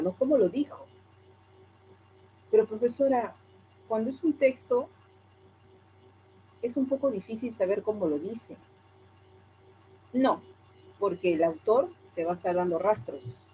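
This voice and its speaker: A woman's voice: mid-range voice, warm tone, dull audio, a little hiss or hum. A woman teacher with a Peruvian Spanish accent, lecturing a class and asking herself questions that she answers straight away. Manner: asks and answers her own questions.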